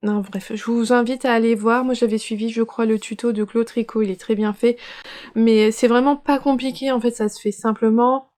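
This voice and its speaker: Chatty woman knitting host, slightly high voice. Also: fairly even intonation, normal speed, a little mellow. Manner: chatty, enthusiastic, with frequent hesitations. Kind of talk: casual show-and-tell chat.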